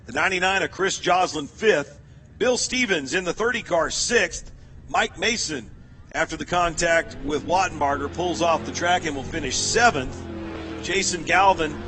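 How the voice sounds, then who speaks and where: A man calling a stock car race over the public address, energetic and rallying the crowd. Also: on the high side. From United States. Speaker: race announcer.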